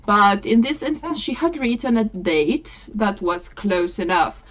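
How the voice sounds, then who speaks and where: A woman running a tabletop game, explaining and narrating as game master in a halting way. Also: medium pitch, animated.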